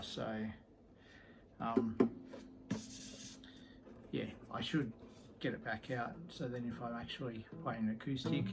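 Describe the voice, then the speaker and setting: A man's voice: mid-range voice, background noise. A middle-aged man showing his guitar collection in a casual vlog, talking in an easygoing, rambling way full of ums and trailing-off sentences. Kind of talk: casual show-and-tell vlog.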